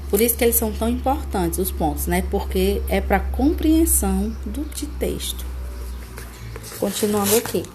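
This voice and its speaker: A woman from Brazil teaching a recorded online class, explaining slowly, repeating examples and checking with tag questions. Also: medium pitch, animated, warm tone, a little hiss or hum.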